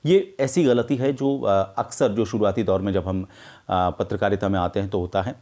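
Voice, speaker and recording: Middle-aged male media teacher, lowish voice, measured and hesitant delivery. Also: warm tone. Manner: measured, explanatory, with frequent hesitations. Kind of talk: explaining script mistakes to camera.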